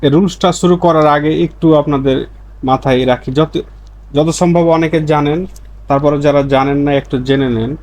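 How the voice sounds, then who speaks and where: Man slowly repeating Korean words for learners. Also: on the high side, steady tone, a little mellow. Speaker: Korean language teacher. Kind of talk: explaining pronunciation rules.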